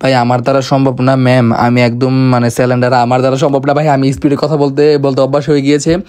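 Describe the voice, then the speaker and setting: Fast, playful man vlogging makeup. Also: mid-range voice, level tone, a little mellow, clean tone. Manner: playful, rambling, talks fast and keeps slipping out of slowing down. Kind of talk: casual chatty vlog to camera.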